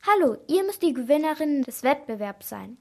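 A woman's voice: high-pitched, big pitch swings, brisk, voice pushed up. A woman reading the lines of a friendly, well-off female painter in a children's crime story. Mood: welcoming. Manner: welcoming, polite.

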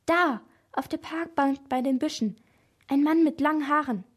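A woman voicing a wry, watchful young boy who talks in a hushed, dry way. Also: high voice, moderate pace, natural voice.

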